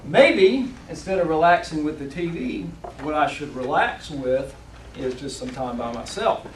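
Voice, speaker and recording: A man with a fairly high voice delivers a prepared motivational speech. He phrases things deliberately and emphatically, pausing for effect. The sound is echoey and picked up from some distance, with faint noise behind it. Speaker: competition public speaker. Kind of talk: rehearsed motivational speech to an audience. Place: indoor room, speaking to a live audience. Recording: roomy, distant mic, faint background noise.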